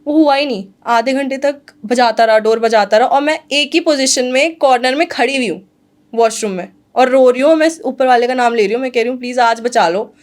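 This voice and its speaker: A woman's voice: sits high, brisk. A woman guest telling a personal story in conversation. She talks earnestly, repeats fillers and slips English phrases into her speech. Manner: earnest, filler-heavy retelling with quoted dialogue; mixes Hindi with English phrases.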